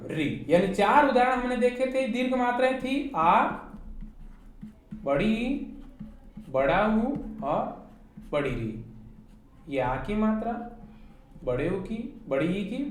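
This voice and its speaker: This woman teacher, speaking with a Hindi accent, lectures online at a slow pace with long pauses, her medium-pitched voice swinging widely in pitch. She explains each step and poses rhetorical questions to her students. The recording is very echoey, with faint noise.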